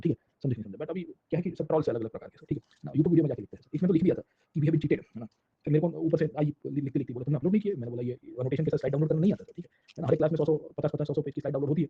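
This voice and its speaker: A man's voice: on the high side, husky, highs cut off. A male history teacher giving a classroom lecture, mixing Hindi and English and constantly checking that students understand. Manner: mixes Hindi and English, asks "samjhe?" and "sir" constantly.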